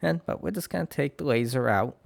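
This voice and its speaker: Fighting a cold and clearing his throat, this game guide creator with a New England accent and slight lisp rambles easily through a video game mission, full of "uh"s and restarts. His mid-range voice is gravelly and fairly quick, with no room sound on this casual walkthrough commentary.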